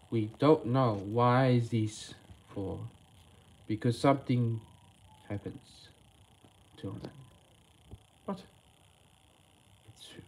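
A man voicing all the characters in a homemade toy animation, with halting, rambling delivery full of word slips. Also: mid-range voice, darkish tone, slight background noise, poor audio. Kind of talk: homemade toy stop-motion voice acting.

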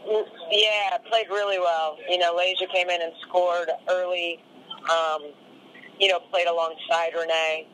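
A woman's voice: fairly low pitch, little pitch movement, measured pace, a bit bright, low-quality recording. A woman head coach answering questions in a post-game interview, rambling and full of "you know" fillers.

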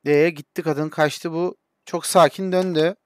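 A man's voice: on the high side, steady tone, measured pace, dry recording. A young adult man giving casual commentary as he plays a game, close to the microphone. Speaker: gamer, let's play host.

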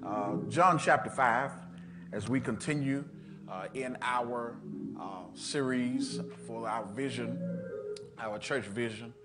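A male pastor preaches in a church sanctuary. His voice sits at an ordinary middle pitch for a man. He moves in a rhythmic preaching cadence and calls out to the congregation. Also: slow pace, over music. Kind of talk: sermon.

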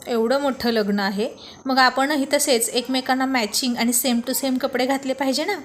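An eager young man asking his friends questions, read aloud by a woman. His voice is fairly high and keen in this spoken love story. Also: fairly even intonation, normal speed, a little hiss or hum, natural voice.

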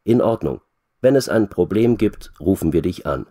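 A man's voice: low voice, expressive, moderate pace, dark tone, dry recording, studio quality. A man reading the part of a worried, friendly woman in a storybook for learners.

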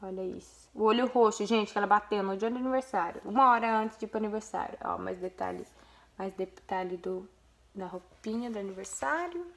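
A woman's voice: medium pitch, brisk, creaky. A young Brazilian woman vlogging casually, gushing as she shows viewers a photo album and talks to them directly. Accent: Brazilian Portuguese. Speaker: vlogger, mother.

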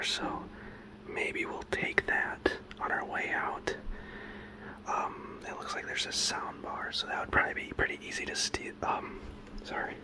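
A man in his thirties whispering a comedy sketch in a dark house, hesitant and full of fillers, close to a handheld phone. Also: poor audio. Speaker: comedian host. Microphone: handheld phone camera close up.

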